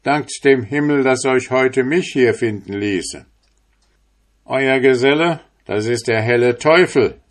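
A stern, zealous old priest, played by a man reading the tale aloud, raises his voice a little above the narrator's and hammers out his warnings in a preaching, declaiming way. The delivery is slow and weighty, and it sounds like a storybook reading. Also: lowish voice.

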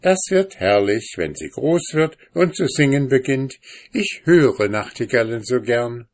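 Guy reading a story doing the bossy know-it-all husband, pushy and pitched up, lots of swing in it. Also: big pitch swings, measured pace, darkish tone. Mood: eager. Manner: insistent, boastful, growing heated. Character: stubborn pompous short-sighted husband.

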